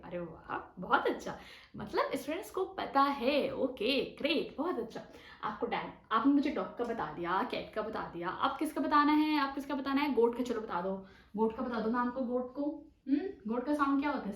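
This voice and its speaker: A woman giving a mock lesson to imagined young students, animated, asking questions and answering them herself. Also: high-pitched, reverberant, low-quality recording. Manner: imitates animal sounds. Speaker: teacher giving a demo lesson.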